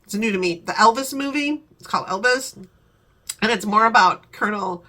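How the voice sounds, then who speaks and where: A woman's voice: mid-range voice, fairly quick, sharp tone. A woman vlogger telling a family story in casual chat, laughing often and acting out the voices of the people she quotes.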